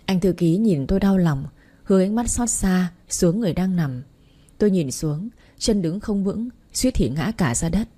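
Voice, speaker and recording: A woman's voice: fairly low pitch, expressive, normal speed, dark tone, husky. A woman narrating a first-person romance story in a tender, emotional reading.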